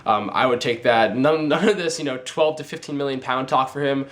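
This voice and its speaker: Fast-talking, emphatic young man hosting a sports vlog. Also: medium pitch, a bit bright. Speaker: sports video host. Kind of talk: opinionated sports commentary vlog.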